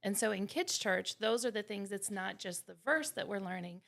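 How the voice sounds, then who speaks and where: A woman's voice: mid-range voice, animated, moderate pace, creaky, a bit bright. A woman guest who leads kids' church, earnestly explaining in a casual podcast chat.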